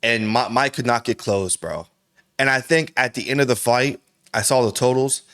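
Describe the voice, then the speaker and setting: Man, reaction video host, casual, slangy, profane, rambling, mid-pitched voice. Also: moderate pace, a bit bright, smooth. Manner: slangy and profane, says "bro" constantly; rambling, with frequent restarts.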